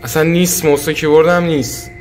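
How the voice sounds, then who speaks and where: A man's voice: on the high side, steady tone. A man with an Iranian Persian accent giving informal, off-the-cuff commentary as host of a casual reaction vlog. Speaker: video creator hosting a screen exploration. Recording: echoey room, music behind.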